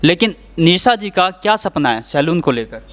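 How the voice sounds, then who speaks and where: A man's voice: on the high side, big pitch swings, moderate pace, fairly bright tone, faint music behind. A man with a Haryanvi accent, interviewing a guest politely, with some light teasing. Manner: polite, teasing, frequent backchannel hums. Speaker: interviewer, channel host. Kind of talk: casual interview questions.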